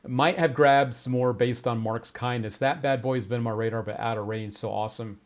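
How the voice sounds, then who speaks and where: A man's voice: mid-range voice, fairly even intonation, brisk. A man hosting a live-streamed giveaway show, talking casually and full of stunned exclamations and laughter.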